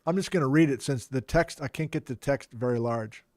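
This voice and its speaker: A man's voice: medium pitch, a little fast, darkish tone, dry recording, studio quality. A male professor reading a text aloud in a class, breaking off now and then with a surprised aside.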